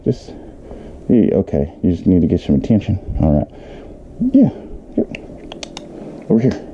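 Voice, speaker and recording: Warm, low-pitched and animated, a middle-aged man talks a little slowly as he thinks aloud through a casual how-to on a handheld camera. The setting moves from beside a camper to its interior, and the muffled recording picks up clear background noise.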